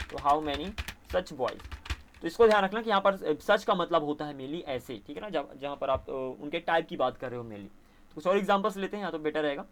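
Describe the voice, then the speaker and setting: A man with an Indian accent teaching a spoken English lesson, patiently explaining and mixing Hindi with English. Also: on the high side. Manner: explains patiently, often asks "theek hai na?".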